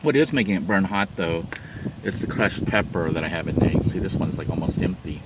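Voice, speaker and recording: A man's voice: deep voice, brisk, heavy background noise. A man vlogging from inside his parked van, chatting unhurriedly as he eats and describes his food in detail. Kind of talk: mukbang eating commentary.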